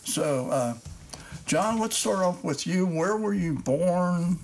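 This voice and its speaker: An older man hosting a podcast interview, talking in a slow, meandering way with many fillers. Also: sits high, expressive, vocal fry, a little mellow. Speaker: podcast host. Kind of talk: casual interview. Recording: noisy background.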